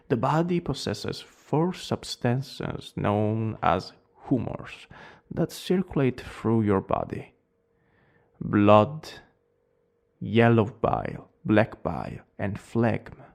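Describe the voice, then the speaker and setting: Man playing a gravelly Italian-accented plague doctor. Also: lowish voice, darkish tone, exaggerated voice. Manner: formal, clinical, deliberate. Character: cold, eerily polite male plague doctor. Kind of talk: doctor role-play.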